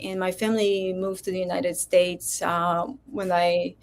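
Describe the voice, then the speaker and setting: A middle-aged Polish woman, a physician appearing as a guest, tells her story in a candid, reflective interview with many hesitations. Her voice is fairly low, with little pitch movement and an unhurried pace.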